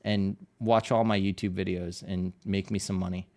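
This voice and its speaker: Gravelly low-voiced male art streamer. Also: level tone, moderate pace, mellow. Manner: laid-back, rambling, reads chat aloud and answers viewers. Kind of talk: casual live-stream chat while drawing.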